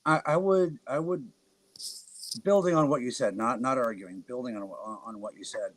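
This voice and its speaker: A man's voice: medium pitch, moderate pace, no echo, rough recording. A man on a podcast explaining his ideas earnestly, often restarting his sentences. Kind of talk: casual podcast chat.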